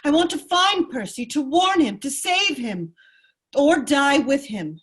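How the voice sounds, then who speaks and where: A woman's voice: sits high, very animated, unhurried. A woman playing a desperate, devoted noblewoman wife with impassioned, dramatic delivery in an amateur radio play. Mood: anguished, pleading. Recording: computer microphone on online call.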